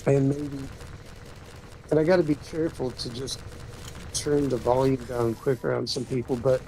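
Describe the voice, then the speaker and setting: A man's voice: medium pitch, level tone, moderate pace, mellow, slight background noise, low-quality recording. A man hosting a casual spiritual chat, rambling with many restarts and trailing off.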